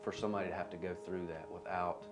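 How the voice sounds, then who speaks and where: Guy with a low voice telling his testimony, stop-start, guitar playing softly. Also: flat delivery. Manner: halting, earnest, with many restarts. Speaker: father sharing a testimony. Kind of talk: personal testimony.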